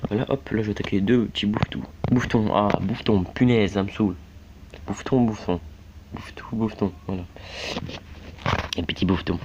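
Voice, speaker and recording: Gaming vlogger, male, from France, low dark voice, rambling filler-heavy play-by-play, dull lo-fi phone recording. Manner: rambling, many fillers and repeated "hein". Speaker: gaming YouTuber. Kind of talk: casual let's-play commentary. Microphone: phone screen recording mic. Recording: dull lo-fi audio with faint background hiss.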